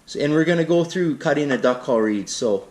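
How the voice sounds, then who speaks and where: A man's voice: on the high side, expressive, brisk, darkish tone, a little hiss or hum. A man giving a casual, plain-spoken, unscripted hands-on tutorial as an instructor. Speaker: instructor in a how-to demonstration.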